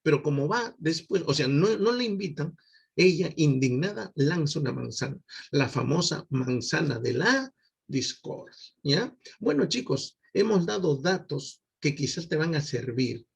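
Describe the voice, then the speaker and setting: Male teacher, slightly high voice, gravelly, lively storytelling lecture. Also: unhurried. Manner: asks rhetorical questions with tag questions, acts out scenes. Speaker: literature teacher. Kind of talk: online class lecture.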